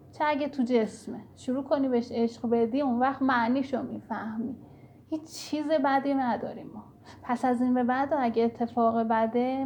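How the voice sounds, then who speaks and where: A woman's voice: a little high, darkish tone, a little hiss or hum. A woman giving an earnest spiritual teaching talk, speaking directly to her listeners in an instructive way.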